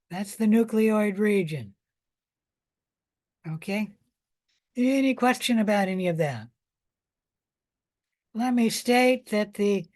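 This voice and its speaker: A woman lecturing on biology, explaining slowly and carefully with pauses, fillers and restarts. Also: medium pitch, darkish tone. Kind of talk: recorded micro lecture.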